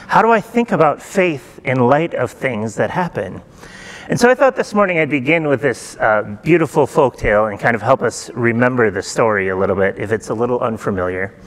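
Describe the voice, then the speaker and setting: A middle-aged man preaching a sermon in a church, retelling a folktale in a relaxed, conversational way and asking the congregation questions. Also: mid-range voice. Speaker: pastor. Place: church sanctuary.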